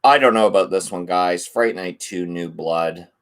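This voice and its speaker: A man reads DVD back covers on his casual video channel and talks about the collection, noting his voice is fading. He speaks at a moderate pace with low-key, offhand asides.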